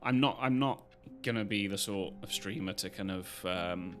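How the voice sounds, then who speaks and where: A British man with a low voice chats casually as a live streamer at a moderate pace, soft music in the background. His talk is rambling and loosely strung together, with some casual swearing.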